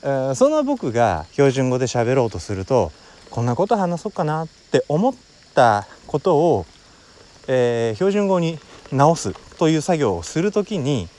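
Man with a very lively pitch. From Wakayama, Japan. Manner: explanatory, unhurried, thinks aloud. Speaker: podcast host. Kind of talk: casual solo talk. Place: at his family home.

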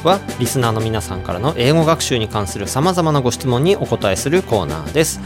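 A man hosting a radio English lesson who plays a friendly doctor giving out cures and explains pronunciation in a relaxed, joking way. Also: mid-range voice, brisk, over music. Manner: playful doctor role, casual asides. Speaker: radio show host and English coach.

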